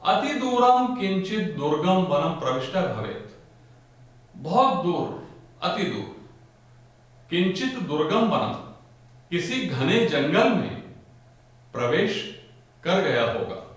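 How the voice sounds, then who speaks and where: A man teaching a Sanskrit play: he reads each line and then explains it slowly, repeating it in simple words. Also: high-pitched, big pitch swings. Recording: roomy, echoey sound from a distant mic.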